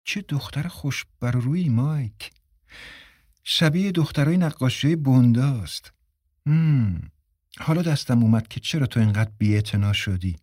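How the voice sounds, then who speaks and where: A man's voice: mid-range voice, lively intonation, a little mellow, no echo, lightly acted. Narrator doing a fed-up sarcastic guy, grumbly, dry close sound. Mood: exasperated. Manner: exasperated, sarcastic, exclaiming. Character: exasperated man, sarcastic and grumbling. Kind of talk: audiobook character reading.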